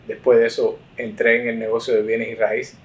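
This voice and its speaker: A man's voice: mid-range voice, level tone, normal speed. A man in his sixties, a political consultant telling his career story in an interview, full of fillers and self-corrections. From United States. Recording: roomy echo.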